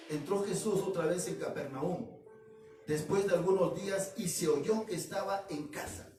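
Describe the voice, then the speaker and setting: High-voiced pastor preaching in an echoey hall. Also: male voice. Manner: emphatic, repetitive preaching that addresses the congregation directly. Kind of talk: sermon. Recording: echoey room, distant mic, music behind.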